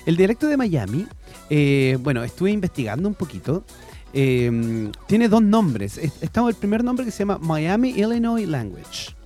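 A man's voice: on the high side, very animated, moderate pace, dark tone, soft background music. A man with a Chilean accent co-hosting a radio show, chatting casually and eagerly explaining while switching between Spanish and English. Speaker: radio co-host. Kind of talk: casual bilingual radio chat. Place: radio studio.

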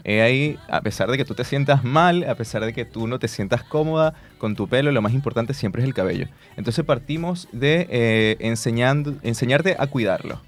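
A man's voice: mid-range voice, lively intonation, moderate pace, few pauses. A young man in his twenties, a hair salon owner, explaining upbeat in a radio interview. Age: 20s.

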